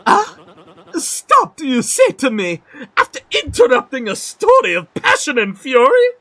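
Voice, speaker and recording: A man's voice: high voice, wildly swooping pitch, a little slow, pushed and bright, husky, no room sound, voice pushed up, full character voice. A man voicing a pompous, boastful male adventurer who talks in a grandiose, theatrical way. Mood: indignant.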